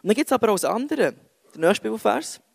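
A man's voice: high-pitched, very animated, quick pace, gravelly, breathy edge, no room sound. A young man with a Swiss German accent giving a casual, self-mocking sermon full of jokey asides. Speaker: youth preacher.

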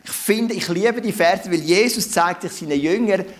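A man with a Swiss German accent delivers a sermon as a chatty retelling. His voice sits a little higher than most men's, and he keeps checking in with the listeners through rhetorical questions. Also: normal speed. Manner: conversational storytelling with rhetorical questions. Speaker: preacher.

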